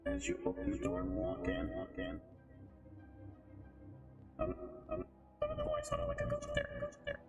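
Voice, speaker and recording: A man's voice: very high-pitched, monotone, moderate pace, pauses often, music in the background, voice pushed up. A man narrating in an unearthly, ghost-like voice, repeating the ends of his phrases. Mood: eerie. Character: wailing high ghostly narrator voice.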